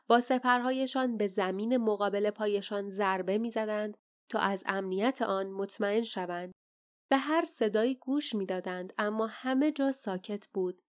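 A woman narrating an audiobook in a steady, dramatic storytelling manner. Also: mid-range voice. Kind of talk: scripted narration.

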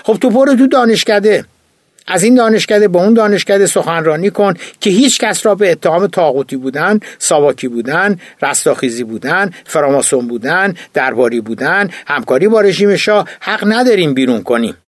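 A man reading an audiobook, voicing a weary older male university chief who lectures in heated, rapid-fire rhetorical questions. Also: high voice, lively intonation, no echo, pitched above the performer's own voice. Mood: exasperated. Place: recording studio.

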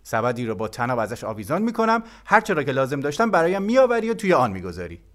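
A man's voice: mid-range voice, huge pitch swings, pitched above the performer's own voice. A man voicing a stubborn, defiant boy who gives curt, firm demands in an audiobook. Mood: determined.

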